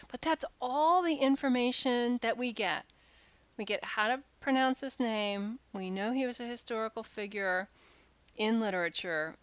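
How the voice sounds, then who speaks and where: A woman's voice: medium pitch, a bit bright, highs cut off. A woman lecturer giving a recorded university course lecture over slides, explaining step by step with frequent "uh"s and restarts.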